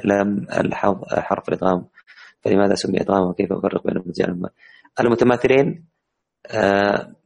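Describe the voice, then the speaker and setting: A man teaching the rules of Quran recitation in an online class, explaining with many hesitant, drawn-out fillers. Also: deep voice, creaky, a little mellow.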